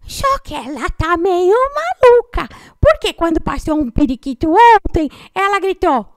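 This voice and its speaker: A woman's voice: very high voice, sing-song, no room sound, studio quality, heavily acted. A woman voicing a sweet little parakeet. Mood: chatty. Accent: Brazilian Portuguese, São Paulo. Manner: slow, playful, childlike storytelling. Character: sweet little male parakeet, friendly and goofy. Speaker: pet owner voicing her parakeet.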